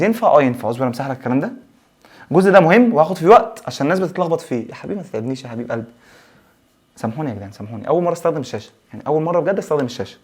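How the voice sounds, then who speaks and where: A young man teaching a science revision lesson in Egyptian Arabic, animated and teasing, mixing English terms into his speech. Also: a little high.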